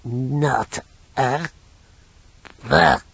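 A man voicing an ancient, wheezing bogeyman posing as a sweet old lady, in a creaky, sly audiobook voice. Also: mid-range voice, very slow, a bit bright, no room sound, exaggerated voice. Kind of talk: audiobook character voice. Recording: dull lo-fi recording.

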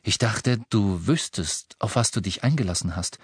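A man's voice: lowish voice, animated, normal speed, slightly rough, no room sound. A man doing Harry, tense young man. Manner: controlled, cutting anger. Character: young man, calm turning angry.

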